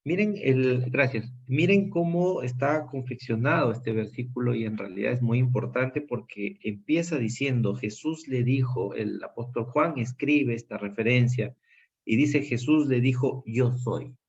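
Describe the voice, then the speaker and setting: A man with a Peruvian Spanish accent leads a Bible study lesson, earnest but full of fillers and restarts. His voice is husky, medium-pitched and measured, and the recording has a dull, lo-fi sound.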